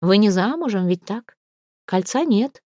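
Audiobook: a lecherous, pushy male tycoon, read by a woman, slow and low-key, dry close sound. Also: lively intonation, mellow, dry recording. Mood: suggestive, insinuating.

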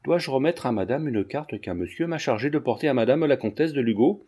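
A sly head waiter speaks with smooth, polite deference, played by a male narrator. His voice is mellow and discreet. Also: mid-range voice, animated, fairly quick. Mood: deferential.

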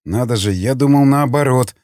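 A man's voice: mid-range voice, normal speed, darkish tone, no echo, clean studio sound, lightly acted. A man voicing a frantic post-apocalyptic survivor. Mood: tense. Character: Vasnetsov, a desperate man, male stalker losing his mind.

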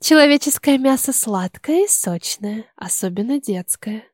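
A woman's voice: fairly high pitch, expressive, normal speed, darkish tone, dry recording, studio quality. A woman reading the lines of a cruel, cunning old witch in an audiobook, speaking in a coaxing, menacing way.

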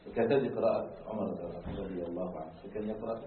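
A man giving a lecture on Quran commentary, explaining at length, filling pauses with a drawn-out "ah" and checking in with the class through rhetorical questions. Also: fairly low pitch, a little hiss or hum. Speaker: religious teacher. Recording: distant, echoey, tinny phone-like lecture recording.

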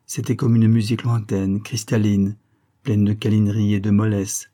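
A man reading a French novel aloud as the narrator, in a measured storytelling manner. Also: on the low side, dark tone. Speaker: audiobook reader. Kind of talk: literary narration.

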